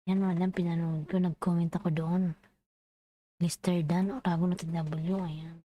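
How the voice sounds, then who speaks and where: A woman's voice: lowish voice, little pitch movement, moderate pace, dark tone, no room sound. Sleepy Filipina woman on livestream. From Philippines. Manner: tired, drowsy, sign-off chatter. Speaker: livestream vlogger. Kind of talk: casual livestream chat. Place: UAE.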